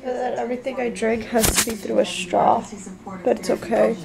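A young woman talking casually in a home vlog, tired and sore after nose surgery, rambling in a low-key way. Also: flat delivery, normal speed, creaky, a loud crowd, poor audio. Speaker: vlogger recovering from nose surgery. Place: at home indoors.

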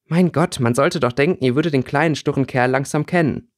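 A man voicing a calm, knowing and playful young woman in an audiobook reading. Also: mid-range voice, brisk, no room sound, studio quality, lightly acted. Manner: calm, teasing.

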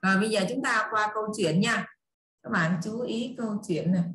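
Một cô giáo giọng miền Nam dạy tiếng Anh trực tuyến cho trẻ em, hay nhắc lại, giải thích và dỗ dành học trò. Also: female voice, mid-range voice, a little fast, fairly bright tone. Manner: coaxing, repeating, explaining. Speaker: online English tutor for children. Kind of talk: teaching English to kids. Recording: echoey room, faint hiss and clicks.

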